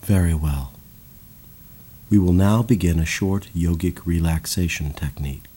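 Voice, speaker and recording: A man guiding a slow, calm breathing and body relaxation exercise in a soothing voice. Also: deep voice, husky. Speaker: meditation guide. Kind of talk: guided relaxation narration.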